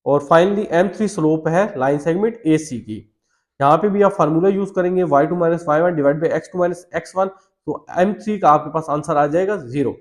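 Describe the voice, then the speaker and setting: Male maths teacher, Pakistani Urdu accent, slightly high voice, patient, step-by-step explaining, repeats himself. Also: a little mellow.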